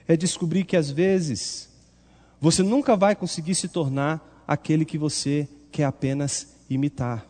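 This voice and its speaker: A man preaching a sermon in an animated, rhetorical way, acting out the voices he quotes. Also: on the high side, a little slow. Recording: long reverb.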